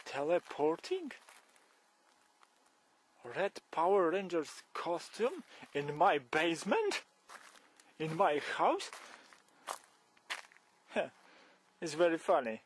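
A man's voice: on the high side, huge pitch swings, takes it slowly, pauses often, a little hiss or hum. A young Polish man speaking broken English with a Polish accent, joking through a one-sided phone call outdoors on a bike trail. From Poland. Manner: broken English, exclamations of shock. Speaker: cyclist vlogger. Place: outdoors on a forest trail and fields. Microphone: camera held close at arm's length.

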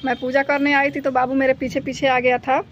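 A woman with a high, fairly even voice chats to her viewers about her dog, repeating herself in a casual way. She records outdoors on a phone, with a faint open-air ambience behind her. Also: brisk, highs cut off, noisy background. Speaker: vlogger and dog owner. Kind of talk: casual vlog narration to viewers. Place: rooftop outdoors during thunderstorm. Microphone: phone camera.

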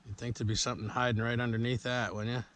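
Recorded by an action camera fixed to a small river boat, this casual outdoor vlog features a middle-aged man chatting easily with a boy, coaching and encouraging him as they fish. He talks fast in a mid-range, slightly bright voice with a level tone. Faint outdoor noise is audible.

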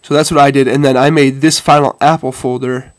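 A man with a head cold gives a casual phone demonstration, his voice congested and stuffy-nosed yet mid-range, steady and fairly quick. He sounds hesitant and informal, calling his viewers "guys." The recording is studio quality with no room sound.

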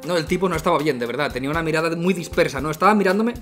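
A man telling crude comic anecdotes in a vlog, animated and acting out the people he quotes. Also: fairly high pitch, racing, faint music behind. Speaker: vlogger. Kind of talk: comic storytelling monologue.

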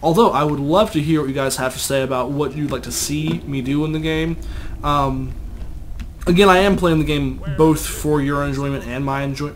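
A man's voice: fairly high pitch, steady tone, normal speed. A young man casually commenting as he plays a video game, chatty and rambling, with faint noise behind him. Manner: chatty, rambling, self-deprecating. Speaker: let's play gamer.

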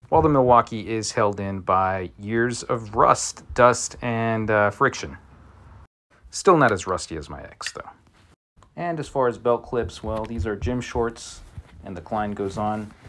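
A man's voice: lowish voice, fairly bright tone, a little hiss or hum. A man giving a casual product review of tools, with wry, joking asides. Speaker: tool reviewer.

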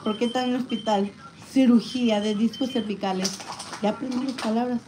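Woman, family vlogger, jokey and teasing, mid-high voice, noisy hospital room. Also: a little fast. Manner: joking, teasing, playful. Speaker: family vlogger visiting her sister. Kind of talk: casual family chat mixing Spanish and English. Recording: hospital room with steady background noise.

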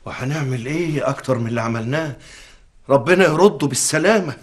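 An actor playing a middle-aged Egyptian husband, exasperated and trying to calm his wife. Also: medium pitch, fast talker, slightly rough, natural voice. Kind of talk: TV drama acting.

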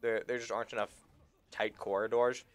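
A man's voice: on the low side, flat delivery, brisk. A young man casting an esports match, explaining the game in an analytical way while he chews his food. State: talking while chewing food. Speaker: esports caster.

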